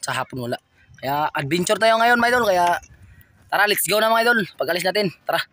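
A man with a Filipino accent narrating a casual fishing vlog from a small boat, shouting excitedly during catches. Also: high-pitched, quick pace, no echo. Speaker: fishing vlogger.

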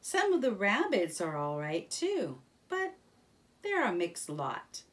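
A woman voicing a cheerful, proud male water rat in a children's storybook reading, in an animated character voice. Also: mid-range voice, slow, far from the mic, exaggerated voice. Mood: cautious.

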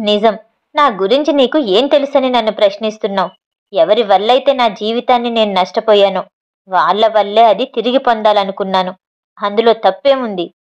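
A woman's voice: medium pitch, lo-fi sound, lightly acted. A woman voicing an arrogant scheming father. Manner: defiant, contemptuous.

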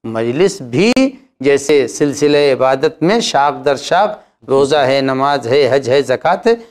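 A man's voice: mid-range voice, lively intonation, unhurried, darkish tone. A man, an Islamic cleric, answering religious questions with emphatic rhetorical questions.

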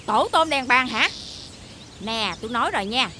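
A woman's voice: on the high side, expressive, normal speed, bright, forceful tone, a little hiss or hum. A woman voicing a stingy, bad-tempered rich old wife in a cartoon, scolding and nagging. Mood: complaining. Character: shrill bossy rich old wife, stingy and quick to anger. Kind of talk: animated cartoon dubbing.

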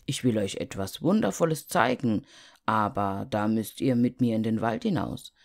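Kindly storybook snowman, read by a woman: low, friendly, booming, gravelly. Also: animated, moderate pace, full character voice. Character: jolly kindly male snowman come to life.

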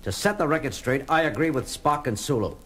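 A man's voice: medium pitch, expressive, brisk, natural voice. An actor playing a principled male starship captain, firm and authoritative, in a 1970s audio drama. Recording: loud music under the voice.

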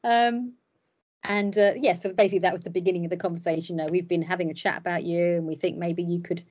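A middle-aged woman whose first language is Cypriot Greek, an ordinand and hairdresser, chats fast and self-deprecatingly in a casual video call interview, full of fillers and restarts. Her lowish voice is steady and a little mellow. Recorded by a laptop webcam in a room at home by a window, the audio sounds muffled, dull and lo-fi.

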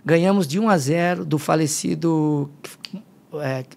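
Speaking with vocal fry and a measured pace, a middle-aged man with a slightly high voice recounts stories as a podcast guest. He's a fitness coach from Limeira, São Paulo state, Brazil, and in this casual interview he brings the tales to life by acting out dialogue.

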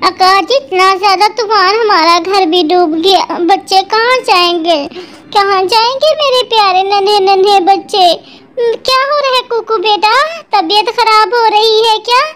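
A woman voicing a frantic mother bird in a cartoon, pleading in a shrill voice as she grieves for her chicks. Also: measured pace, fairly bright tone, a little hiss or hum. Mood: alarmed.

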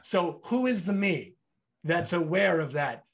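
At a measured pace and in a high-pitched voice, a podcast host in his thirties conducts a conversational interview by video call. He's in a bright room at home, animated and broadly gesturing while acting out both parties in little dialogues.

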